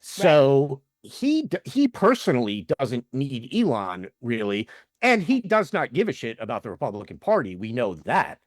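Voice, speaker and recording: A man co-hosts a political podcast, blunt and chatty, often restarting his sentences. His pitch swings in a lively way. The sound is dry and close. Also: no echo. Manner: animated, halting restarts, blunt. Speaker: podcast co-host. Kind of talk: casual political chat.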